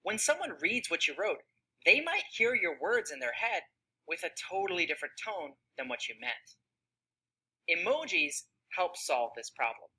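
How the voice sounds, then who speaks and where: Woman narrator for a kids' explainer, very bright and breathy, lively swoops in pitch, quizzes the audience. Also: moderate pace. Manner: asks children questions and acts out tones of voice. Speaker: narrator of a children's explainer video. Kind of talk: scripted narration for kids.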